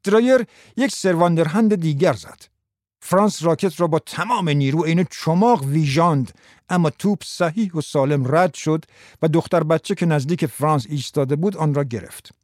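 A man narrating a novel as an audiobook, in a steady, expressive storytelling manner. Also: fairly high pitch, dry recording, clean studio sound.

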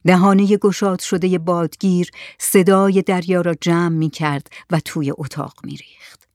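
A storyteller reading a story aloud in a measured, even way. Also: medium pitch, no room sound, studio quality. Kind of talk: scripted narration of a story.

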